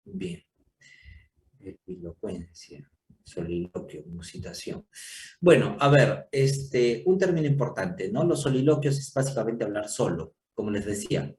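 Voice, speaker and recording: A man's voice: fairly low pitch, sing-song, a little slow, a little mellow. Man, psychiatry lecturer, explanatory, echoey room, distant mic. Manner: explanatory, checks in with frequent rhetorical questions. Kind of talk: university lecture.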